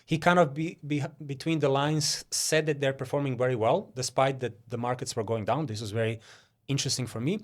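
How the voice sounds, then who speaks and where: A man's voice: medium pitch, brisk. Chatty Croatian-born man, interview guest. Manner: chatty, many fillers and restarts. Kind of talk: casual interview talk.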